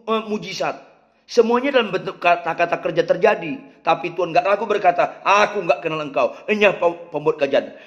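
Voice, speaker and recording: A man preaching a sermon as pastor, stressing and repeating key phrases with drawn-out emphasis. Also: sits high, a bit bright, lo-fi sound.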